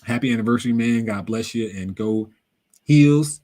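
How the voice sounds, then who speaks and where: Husky man chatting through a live Q&A. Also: fairly low pitch, fast. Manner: reads viewer comments aloud and answers them, laughing often; relaxed, conversational, drops words into everyday slang. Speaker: livestream host reading chat. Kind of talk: casual live Q&A chat.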